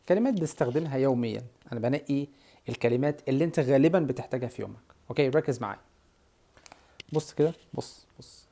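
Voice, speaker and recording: A man's voice: mid-range voice, creaky. A young man with an Egyptian Arabic accent teaching English words in a casual lesson, who repeats each word and has the listener say it after him. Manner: repeats words and drills the learner, varying his loudness.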